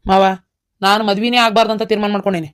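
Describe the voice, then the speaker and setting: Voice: medium pitch, flat delivery, very fast, a bit bright, smooth, close to an everyday voice. A performer voicing a stubborn young villager set on becoming a soldier, with a North Karnataka accent, in a cartoon. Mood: determined. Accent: North Karnataka Kannada. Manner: earnest, stubborn. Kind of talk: cartoon voice acting.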